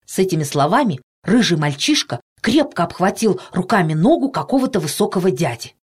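Expressive woman reading a children's story. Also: fairly low pitch, a little fast, husky. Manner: expressive, playful. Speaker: narrator.

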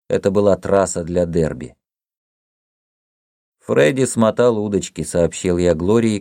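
A man narrating a novel in first person in a measured, expressive audiobook reading. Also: low voice, no echo, studio quality.

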